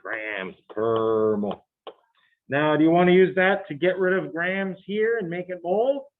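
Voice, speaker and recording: A man's voice: sits high, animated, a little slow, slight background noise. A man teaching a chemistry class, working problems aloud and quizzing his students in a chatty, thinking-aloud way. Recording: tinny phone-like classroom recording.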